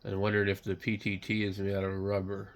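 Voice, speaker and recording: A man who is under the weather, giving casual, unscripted commentary while browsing online, muttering in a halting, blunt way. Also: fairly low pitch, completely flat delivery. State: sick, occasional coughing and throat clearing. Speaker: radio hobbyist vlogger.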